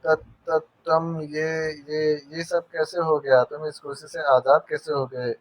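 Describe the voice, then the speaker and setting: A man's voice: on the high side, fairly even intonation, normal speed, no echo, lightly acted. A man voicing a captured male villain who stammers and makes threats, in an audio novel. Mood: frightened. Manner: stammering, demanding. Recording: dull dry narration recording.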